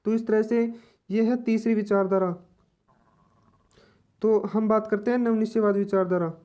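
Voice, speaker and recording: Woman teacher, exam-prep lecture, mellow voice, even tone, repeats points. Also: mid-range voice. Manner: explains slowly, repeating each point.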